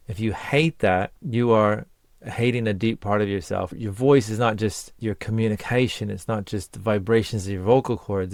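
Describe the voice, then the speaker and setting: Low-ish guy voice coach talking earnest and encouraging, dry close sound. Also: darkish tone, no echo. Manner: earnest, encouraging, speaks in short lists. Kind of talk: spoken lesson to camera.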